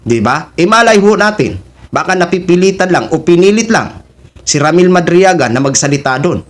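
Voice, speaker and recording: A man's voice: sits high, animated, normal speed. A man, hosting a reaction video and speaking politely and casually to his viewers. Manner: polite, uses respectful "ho" and "po".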